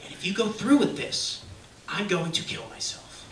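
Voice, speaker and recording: A man's voice: high-pitched, sing-song, moderate pace. A man doing a stand-up comedy set on a music hall stage, with a brash, punchy delivery and frequent check-ins with the crowd. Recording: echoey venue, distant, loud crowd noise.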